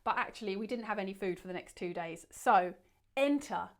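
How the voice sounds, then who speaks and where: A woman telling a bedtime adventure story in a lively way, acting out the quoted lines with big shouts. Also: mid-range voice, fairly quick.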